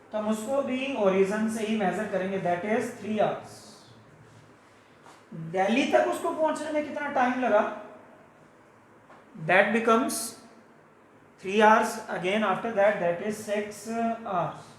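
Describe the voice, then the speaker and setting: A physics teacher, lecturing slowly and deliberately, repeating key points and asking questions back to the class. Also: medium pitch. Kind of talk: classroom lecture mixing Hindi and English. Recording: roomy echo.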